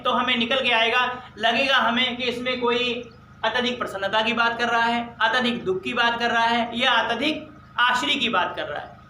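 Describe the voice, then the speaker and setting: A man's voice: extremely high pitch, pushed and bright, reverberant, a little hiss or hum, poor audio. A male grammar teacher, explaining sentence types step by step, repeating his examples and checking that the class understood. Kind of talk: spoken grammar lesson.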